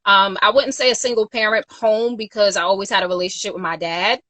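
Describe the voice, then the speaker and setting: A woman's voice: mid-range voice, steady tone, quick pace, bright, forceful tone, no echo. A woman from Queens, a guest on a casual livestream interview, talking earnestly with many "you know"s. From Queens, New York. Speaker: guest, youth nonprofit founder.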